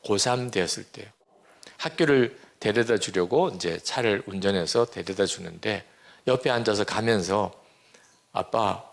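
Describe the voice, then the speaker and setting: Pastor in his sixties, male, gravelly, earnest storyteller preaching a testimony. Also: lowish voice, moderate pace. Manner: earnest storytelling, acts out quoted prayers and dialogue. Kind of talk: sermon testimony.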